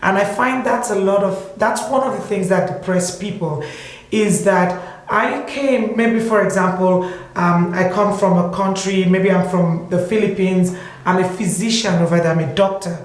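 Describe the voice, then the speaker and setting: A woman's voice: mid-range voice, moderate pace. A woman hosting a casual discussion, conversational and prompting her guest with questions. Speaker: host. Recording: very echoey room.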